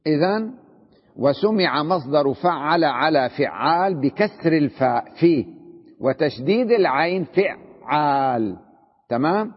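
Husky-voiced sheikh teaching grammar. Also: male voice, on the high side, expressive. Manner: reads a text aloud, then explains it, checking understanding with quick questions. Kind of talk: classroom grammar lesson. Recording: dull lo-fi recording in a reverberant hall.

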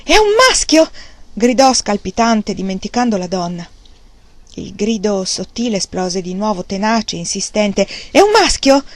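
A proud young farmer shouting out his joy as a new father, voiced by a woman reading the story. His voice is loud and triumphant, pitched well above her own. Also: steady tone, measured pace, slight background noise, natural voice. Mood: excited. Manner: exclaiming loudly, triumphant.

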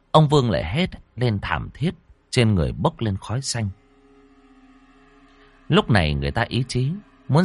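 Guy telling a creepy ghost story, low voice, swings up and down a lot, dry close mic. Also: breathy edge, no echo. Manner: expressive, rising and falling storytelling. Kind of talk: dramatic horror story narration.

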